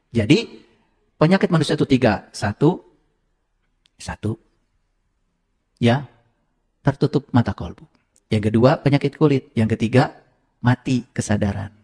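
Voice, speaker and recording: A man preaching a sermon to an audience, teasing his listeners with joking asides and leaping up in pitch when he quotes scripture. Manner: animated, jumping high in pitch for quotes. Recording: hall reverb.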